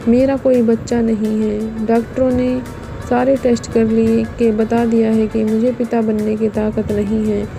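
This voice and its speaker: A woman voicing a gentle widowed man in his thirties in a storybook reading, in a calm, flat delivery. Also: on the high side, unhurried, creaky, over music, poor audio. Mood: resigned.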